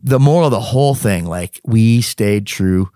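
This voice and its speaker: Low-voiced man telling an animated story. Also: moderate pace, no echo, clean studio sound. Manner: animated, acts out dialogue, laughs mid-sentence. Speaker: guest telling a personal story. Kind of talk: casual spoken storytelling.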